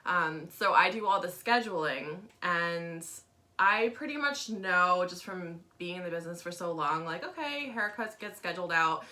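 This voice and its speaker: A woman's voice: lowish voice, moderate pace. A woman co-hosting a casual chat, telling salon front desk stories and acting out the customers. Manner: animated storyteller, acts out customers. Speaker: podcast co-host, salon front desk worker.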